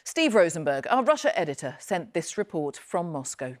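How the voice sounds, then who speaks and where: A woman's voice: fairly low pitch, sing-song, moderate pace. A woman reading a scripted news introduction as a presenter.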